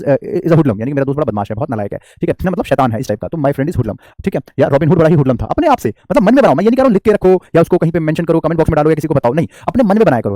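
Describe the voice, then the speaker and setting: A man's voice: fairly high pitch, mellow, no echo, studio quality. A man teaching English vocabulary in a live online class, chatty and joking, calling his students "beta" and reading their comments aloud.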